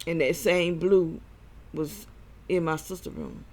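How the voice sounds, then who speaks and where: A man giving a rambling personal monologue as a vlogger, halting and short of breath, with repeated restarts. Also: medium pitch, fairly even intonation.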